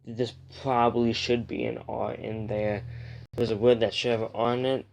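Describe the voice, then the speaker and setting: A man's voice: mid-range voice, level tone, normal speed, vocal fry, darkish tone, slight background noise, low-quality recording. A young man hosting a casual, rambling review, pronouncing his R's like W's and sometimes slipping on his L's. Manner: says w for r, sometimes slips on l. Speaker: host of a comic book review show.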